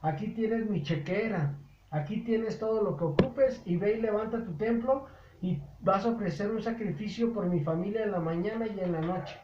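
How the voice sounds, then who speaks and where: A man voicing an excited, generous ancient king, exclaiming boastfully. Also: high-pitched, normal speed, far from the mic, background noise, close to an everyday voice. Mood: thrilled. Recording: roomy dull lo-fi recording.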